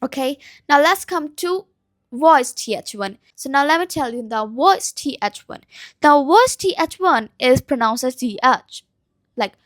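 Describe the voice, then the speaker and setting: A young woman giving an informal pronunciation lesson, repeating example words slowly and often checking that the listener follows. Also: high-pitched, expressive, a bit bright. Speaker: English pronunciation teacher.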